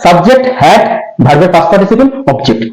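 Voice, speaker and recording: A teacher with a Bengali accent giving a grammar lesson to school students, patiently repeating key terms and asking whether the class has understood. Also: female voice, fairly low pitch, big pitch swings, fast talker, darkish tone, roomy sound, poor audio.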